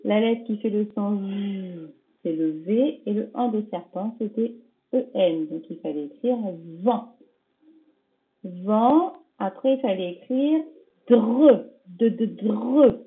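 Woman teacher, slow unhurried pace, spells out each sound, patient, tinny phone-like sound. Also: mid-range voice, lively intonation. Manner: sounds out words syllable by syllable, stressing each sound; patient, checks in with the pupils. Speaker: primary school teacher. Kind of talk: recorded dictation correction for young pupils.

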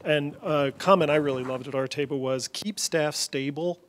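A man's voice: a little high, moderate pace, slight background noise. A man giving conversational remarks as a panelist at a meeting, with frequent fillers. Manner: conversational, fills with "you know" and "um".

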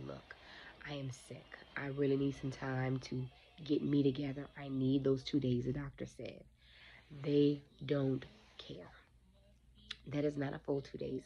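A woman in her forties, a vlogger, speaks in a rumbling low, gravelly voice with a dark, slightly rough tone, and the sound is lo-fi. She's congested and sniffling as she talks casually to camera into a phone held close. Blunt and indignant, she addresses her viewers directly to warn them about a company.

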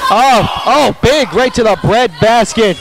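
A man calling wrestling moves in animated, indignant play-by-play. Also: extremely high pitch, unhurried, background noise. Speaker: wrestling commentator. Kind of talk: play-by-play commentary.

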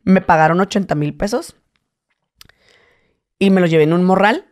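At a moderate pace, a man in his late twenties from Tijuana tells animated stories in a northern Mexican accent during a casual interview where he's the guest. He often shifts into high voices to imitate the people in them.

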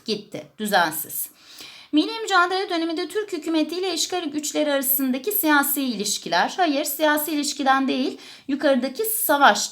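A woman's voice: high-pitched, a bit bright. A woman teacher walking students through exam questions, explaining step by step and answering her own questions. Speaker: history teacher. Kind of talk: exam question walkthrough lesson.

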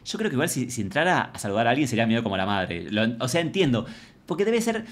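Fast-talking Argentine man, gossipy. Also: mid-range voice, faint music behind. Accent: Rioplatense Argentine Spanish. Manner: fast, excitable, gossipy, chatty with viewers. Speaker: content creator reacting to a reality show. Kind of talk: casual reaction commentary.

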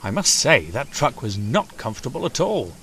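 Brief: courteous little engine, eager to help, mid-pitched as a man narrator puts him on for a storybook. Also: very animated, moderate pace, a bit bright, a little hiss or hum. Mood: chatty. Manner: courteous, chatty. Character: polite little male steam engine, eager.

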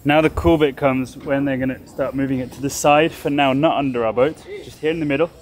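Filming himself with a handheld action camera at arm's length in a boatyard, a thirtysomething vlogger casually talks through restoring his sailboat. His voice is medium-pitched and brisk, and he comes across as chatty and excitable, thinking aloud.

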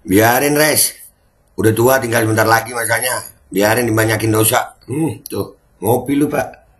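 A man's voice: lowish voice, steady tone, moderate pace. A middle-aged man from Indonesia, ranting and mocking in casual political commentary. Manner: mocking, sarcastic, jeering.

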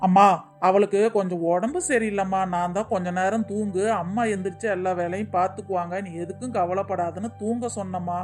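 A voice actor playing a young husband and son in a cartoon, pleading with his mother to calm down. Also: medium pitch, soft background music, close to an everyday voice. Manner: pleading, fast. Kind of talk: cartoon voice acting.

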